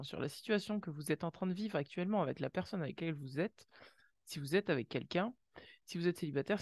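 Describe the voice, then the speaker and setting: In clean studio sound with no room noise, a woman with a lowish voice gives an intuitive oracle card reading. She's exclamatory, gasping "wow" frequently and adding small sound effects while warmly addressing viewers as "you."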